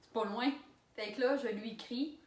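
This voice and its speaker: Une jeune femme à l'accent québécois qui raconte une anecdote en vlog, de façon animée, avec des rires et des exclamations fortes. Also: female voice, fairly high pitch, a little slow. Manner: animated, laughing storytelling with loud exclamations. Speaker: vlogger. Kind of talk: storytime vlog. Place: alone in a room. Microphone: camera mic. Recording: roomy sound from a distant mic.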